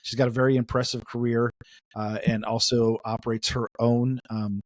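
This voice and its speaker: A man's voice: mid-range voice, flat delivery, normal speed, darkish tone, no room sound, clean studio sound. A man co-hosting an interview podcast in the United States, talking in an upbeat, rambling way with many fillers. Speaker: podcast co-host. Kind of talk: casual interview chat.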